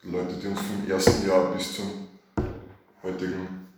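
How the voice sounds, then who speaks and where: Low-voiced casual man, echoey. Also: monotone, measured pace, loud music behind the voice. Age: 30s. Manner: casual, colloquial. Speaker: festival organizer. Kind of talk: casual radio interview. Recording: very echoey room.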